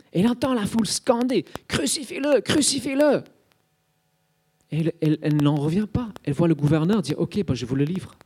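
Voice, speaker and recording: A man's voice: fairly high pitch, dark tone, husky. A man preaching an Easter sermon, telling it as a vivid story with frequent little fillers. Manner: vivid storytelling, dramatizing the scenes; frequent fillers like "hein" and "euh".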